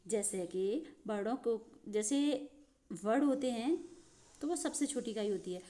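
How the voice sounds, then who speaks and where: Woman teacher, warm and mellow, patient step-by-step explainer. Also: on the high side. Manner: explains step by step, addresses viewers as friends. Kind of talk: Hindi grammar lesson.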